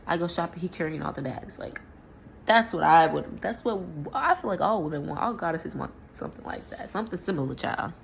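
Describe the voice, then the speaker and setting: Young woman, casual storytelling vlog, slangy and lively, lowish voice, faint background noise. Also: a little fast, vocal fry. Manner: animated, slangy, laughs often, swings into high exclaiming. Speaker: vlogger.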